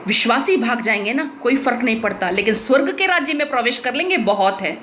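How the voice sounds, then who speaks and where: A woman's voice: a little high, animated, brisk, a bit bright, slight background noise. An Indian woman pastor preaching a sermon in an emphatic, blunt way with teasing humor.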